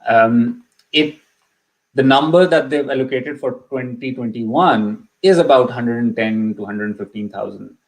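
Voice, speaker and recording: Hosting an immigration live session, a middle-aged man talks at a measured pace in a mid-range voice, though the recording is rough. He's a native Urdu speaker who is a bit under the weather and coughing, and his casual live-stream chat is full of ums and restarts.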